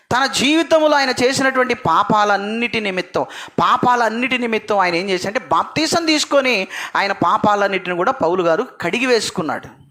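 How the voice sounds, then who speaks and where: A man's voice: very high voice, bright, forceful tone. A man preaching a sermon to a congregation, asking them questions and repeating phrases for emphasis.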